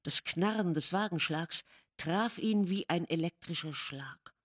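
A woman reading a classic novel aloud as an audiobook, in measured, dramatic storytelling. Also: on the low side. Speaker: audiobook reader. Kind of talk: literary audiobook narration.

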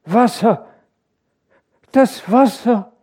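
A feverish young wife cries out in delirium, her voice high and strained as she wails for help, a male reader putting her on. She sounds wild and frightened in this audiobook scene, loud and piercing. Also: drawn-out words, slightly rough, exaggerated voice. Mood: delirious terror. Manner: wailing, crying out in fear.

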